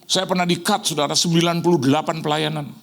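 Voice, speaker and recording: A man's voice: on the high side, quick pace, vocal fry, slight background noise. A middle-aged man preaching a sermon, telling stories and acting out the dialogue and sound effects with mixed in. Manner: animated storyteller, acts out dialogue and sound effects. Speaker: pastor. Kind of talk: lively sermon with told stories.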